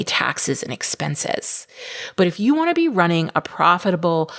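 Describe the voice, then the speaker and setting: A middle-aged woman speaks on her solo podcast in a slightly low voice. She sounds chatty and encouraging, dropping casual fillers as she coaches her listeners. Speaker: podcast host and business coach.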